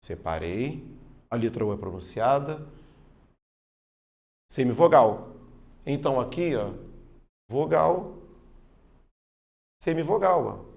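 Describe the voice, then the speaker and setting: Gravelly-voiced male grammar teacher. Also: medium pitch, animated, slow, pauses often, a little mellow. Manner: patient, explanatory, keeps checking understanding with "tá vendo?" and "certo?"; leans on stressed spoken examples. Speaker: Portuguese teacher. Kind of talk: exam-prep grammar lesson.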